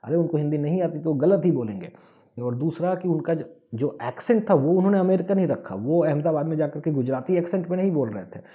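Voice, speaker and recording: A man's voice: fairly high pitch, lively intonation, a little fast, dark tone, lo-fi sound. A man from Bihar with a Bihari accent, giving an earnest explanatory talk point by point. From Bihar, India. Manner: earnest, points listed one by one. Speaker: speaker of a language-awareness movement.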